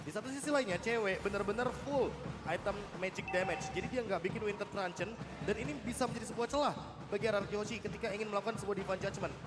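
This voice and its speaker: Fast-talking Indonesian male esports analyst. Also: sits high, very noisy. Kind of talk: analytical live game commentary. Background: music.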